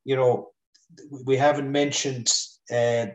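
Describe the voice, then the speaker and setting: A man with a west of Ireland accent talking sport casually as a pundit, halting and thinking aloud. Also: medium pitch, flat delivery, lo-fi sound. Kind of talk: casual Gaelic football discussion. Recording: roomy echo, distant from mic.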